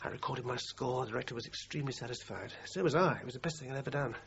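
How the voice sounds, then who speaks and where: In a radio crime drama, an actor plays a defensive, down-on-his-luck film composer who justifies himself in a hesitant, prickly way, sounding subdued and regretful. His medium-pitched voice races along, lightly acted, in a muffled, noisy recording.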